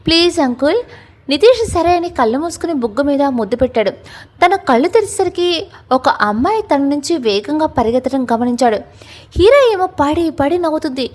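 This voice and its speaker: A woman's voice: high voice, a little mellow. A woman narrating a family love story, reading it plainly and doing the dialogue herself.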